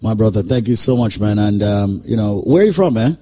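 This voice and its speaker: A man's voice: fairly low pitch, expressive, fairly quick, mellow. A man hosting a radio phone-in, easygoing and friendly, with slangy sign-offs. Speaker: radio show host. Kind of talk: phone-in chat.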